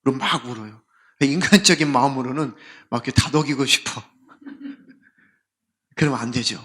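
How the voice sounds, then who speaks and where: Bright-voiced emphatic male pastor. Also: medium pitch, moderate pace. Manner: emphatic, acts out dialogue. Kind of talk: sermon.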